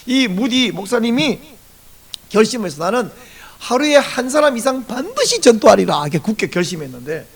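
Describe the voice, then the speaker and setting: A male pastor preaching a Sunday sermon with a high, gravelly voice. His pitch swings widely as he tells stories. He slips into little voices to act out conversations. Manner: animated storytelling, acts out dialogue in varied voices.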